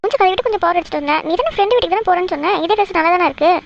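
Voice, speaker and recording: A woman's voice: very high-pitched, expressive, very fast, gravelly, highs cut off, slight background noise, full character voice. A woman voicing a bickering, sarcastic young woman in a cartoon series, given to muttered asides. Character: bickering sharp-tongued young woman, Kalai. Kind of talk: cartoon web series dialogue.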